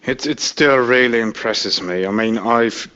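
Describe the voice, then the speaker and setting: A man with a German accent, a guest on a casual livestream, speaking in a halting, apologetic way. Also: mid-range voice, sharp tone, clear, resonant tone. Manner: halting, apologetic, laughs often. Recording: dull lo-fi stream audio.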